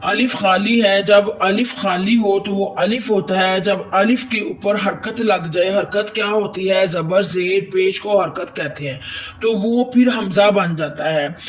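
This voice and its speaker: A man's voice: high voice, recorded from a distance. A man with a Pakistani Urdu accent, teaching Quran recitation step by step, patiently spelling out and reciting words. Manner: slow, patient explanation with drawn-out recited words. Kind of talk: step-by-step tajwid lesson.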